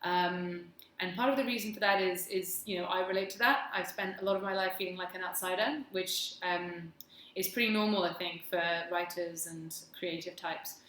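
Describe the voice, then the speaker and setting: A woman's voice: lowish voice, moderate pace, fairly bright tone. A woman with a plummy English accent chats casually as a video blogger, rambling in a wry, self-deprecating way. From England. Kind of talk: casual chat to camera. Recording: echoey room, faint background noise.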